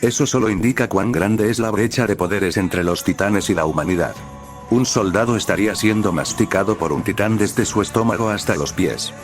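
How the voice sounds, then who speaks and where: A man reads a fan story aloud in a low, plain, even voice. Soft music plays faintly under his narration. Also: moderate pace. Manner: plain, even reading with speaker tags. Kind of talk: reading a fan fiction aloud.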